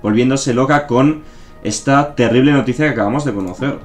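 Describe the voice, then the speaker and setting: A man's voice: mid-range voice, brisk. A man with a Spain Spanish accent giving casual gameplay commentary, thinking aloud with fillers, swearing and joking. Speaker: gameplay streamer. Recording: faint game music behind. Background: faint game music.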